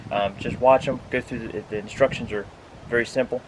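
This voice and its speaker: A man's voice: medium pitch, fairly even intonation, brisk, noisy background. A man giving a casual, plain-spoken walkthrough to camera, explaining equipment in an informal, instructive way. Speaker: RV vlogger giving a product walkthrough. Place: outdoors beside a pickup truck bed.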